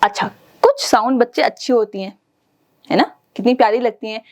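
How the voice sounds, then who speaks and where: High-voiced woman teaching kids. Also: brisk. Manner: lively, addresses children directly, imitates everyday sounds. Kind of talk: online class lesson for children.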